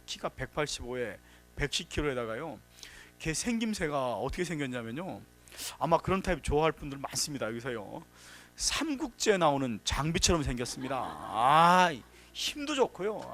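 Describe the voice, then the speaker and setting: Man, safety lecture, lively pitch swings, somewhat high voice, faint music behind. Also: moderate pace. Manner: storytelling, acts out quotes, emphatic warnings. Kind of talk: lively workshop lecture with anecdotes. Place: workshop hall.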